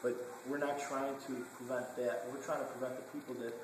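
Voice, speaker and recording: A man working as a dog trainer, coaching an owner step by step in a hands-on lesson, giving clear directions. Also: mid-range voice, flat delivery, fairly quick. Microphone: phone camera held away. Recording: echoey phone video from a distance, background noise.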